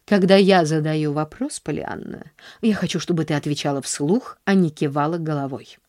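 A woman reading a storybook aloud, voicing a stern, proper middle-aged aunt who talks in slow, clipped, formal commands. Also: deep voice, a little mellow, no room sound, clean studio sound, natural voice.

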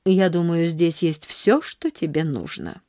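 A woman's voice: on the low side, animated, mellow, no echo. Woman doing a stern, proper aunt. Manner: clipped, formal, slow and commanding. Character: stern, proper, cold middle-aged aunt.

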